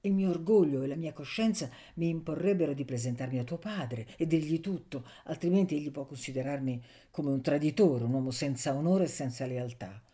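Fervent young man in love, read by a woman, pleading, low voice, mellow tone, audiobook. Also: brisk, hardly any pauses, lightly acted. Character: young man, earnest and anxious lover. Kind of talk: audiobook reading.

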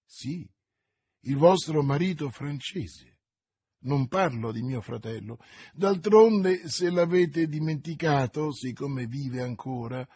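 A man voicing a cold, contemptuous English baron who threatens his captive in an icy, sneering, deliberate way in an audiobook. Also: medium pitch, darkish tone, slightly rough, dry recording.

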